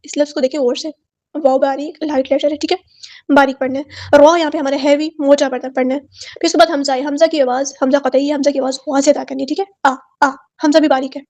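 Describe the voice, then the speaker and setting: A woman teaching tajweed, explaining letters slowly and repeating single sounds and words as models. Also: sits high, flat delivery, a little mellow. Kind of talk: tajweed lesson, explaining word by word.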